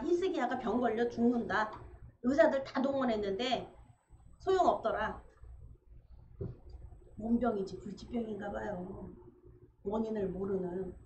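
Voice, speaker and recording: Animated woman pastor preaching in echoey church. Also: on the high side. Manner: animated, acts out cries and quotes, laughs as she tells a story. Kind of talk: sermon. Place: church sanctuary. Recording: echoey church room, slightly dull sound with faint noise.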